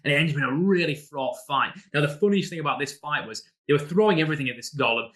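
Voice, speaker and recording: A man with a bright, forward voice talks through his last tabletop session as game master. He rambles loosely, with plenty of fillers and restarts. When he mimics his players, he raises his voice. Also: on the high side, fast talker. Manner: rambling storyteller, many fillers. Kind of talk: casual campaign recap.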